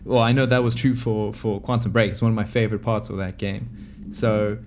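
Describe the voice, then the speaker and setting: A man's voice: fairly low pitch, level tone, normal speed, a little mellow, a little hiss or hum. A man hosting a gaming video, giving casual, laid-back, musing commentary as he plays.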